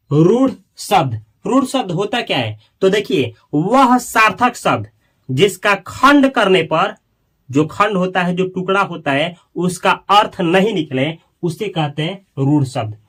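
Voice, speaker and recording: A man teaching a grammar lesson to school students, asking questions and slowly repeating key words. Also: sits high, lively intonation, fairly bright tone.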